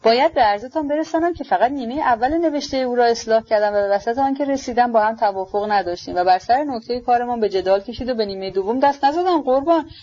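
A woman's voice: on the high side, hardly any pauses, mellow, close to an everyday voice. A woman reading the lines of a fawning, groveling older man in an audiobook, obsequious and servile. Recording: dull lo-fi audiobook recording.

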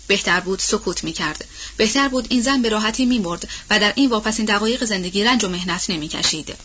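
A woman reads a novel aloud in a measured, expressive storytelling voice. Her tone is bright and clear, sitting at a middle pitch. The recording sounds dull and lo-fi. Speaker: audiobook narrator. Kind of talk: scripted novel narration.

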